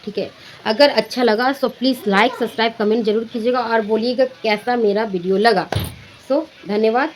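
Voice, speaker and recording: A woman's voice: a little high, fairly even intonation, moderate pace, slight background noise, rough recording. A woman giving an unscripted motivational talk with an earnest, instructive manner. She often repeats and restarts her phrases. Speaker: motivational speaker.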